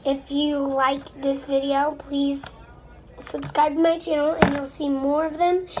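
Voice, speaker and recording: This is a child slime video maker, congested and feeling unwell, chatting and rambling to her viewers while she crafts at home, a touch apologetic. Her high voice stays level and runs a little slow, captured in a noisy, clicky amateur recording.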